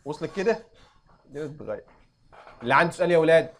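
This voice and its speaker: A man's voice: a little high, lively intonation. Egyptian man quizzing a class. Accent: Egyptian Arabic. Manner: quizzing students with quick questions. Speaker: Arabic teacher. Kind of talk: classroom lesson.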